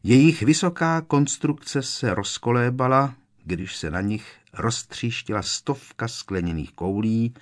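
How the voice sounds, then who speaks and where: A man narrating an audiobook in steady scripted storytelling. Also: medium pitch.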